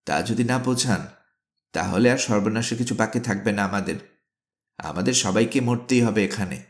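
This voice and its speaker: A man's voice: fairly low pitch, moderate pace, close to an everyday voice. A man voicing a loyal male servant who speaks in an earnest, pleading way. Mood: worried. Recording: echoey room.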